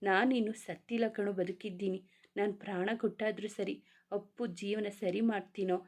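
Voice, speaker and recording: A woman voicing a gentle young husband in a family storybook tale, talking in a tender, pleading way. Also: medium pitch, steady tone, normal speed, close to an everyday voice. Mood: consoling.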